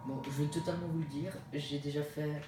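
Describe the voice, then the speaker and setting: A man's voice: on the high side, level tone, a little fast. A man giving casual, rambling commentary on his own game, often correcting himself as he talks, recorded on a phone filming the screen in a room. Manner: rambling, self-correcting, chatty. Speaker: let's play gamer. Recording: roomy distant phone recording, faint hiss.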